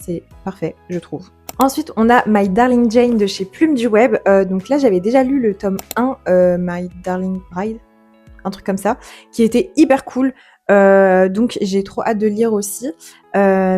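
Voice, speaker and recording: A young woman chatting casually to camera on her book vlog, filling her talk with fillers and quick self-corrections. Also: mid-range voice, warm tone. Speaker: book vlogger. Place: holiday home on vacation.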